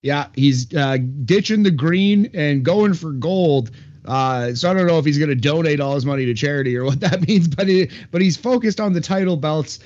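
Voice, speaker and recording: A man's voice: on the high side, moderate pace, a little mellow, muffled recording. A man co-hosting a casual wrestling podcast, talking in an easygoing, rambling way. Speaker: podcast co-host. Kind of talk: casual wrestling recap chat.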